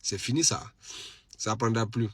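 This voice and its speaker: On a late-night live stream, a male social media streamer with an Ivorian French accent talks casually and animatedly to followers despite a head cold, repeating phrases to stress them. His voice sits on the low side at normal speed, a bit bright and slightly rough, in a studio-quality recording with no echo.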